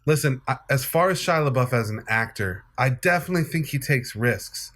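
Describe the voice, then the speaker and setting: A man speaks in a plain, mid-pitched voice as a film podcast co-host. He states his views directly and candidly, like someone used to arguing about movies with friends. His delivery is conversational and unpolished. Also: expressive, a little fast, fairly bright tone. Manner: frank, opinionated, direct. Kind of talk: casual film discussion.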